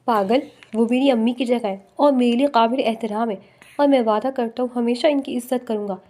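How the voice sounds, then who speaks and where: A woman's voice: fairly high pitch, warm tone, close to an everyday voice. A woman voicing an anxious young husband. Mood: tender. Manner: anxious, earnest. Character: worried, protective young husband.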